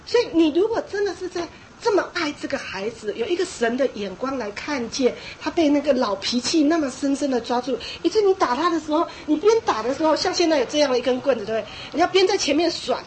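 A woman's voice: sits high, expressive, fast, few pauses, a little hiss or hum, rough recording. A middle-aged woman preaching a sermon on parenting, speaking emphatically, repeating herself and acting out scolding scenes.

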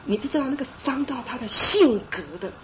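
A woman's voice: high-pitched, fairly quick, background noise. A middle-aged woman preaching a sermon on parenting, speaking emphatically, repeating herself and acting out scolding scenes.

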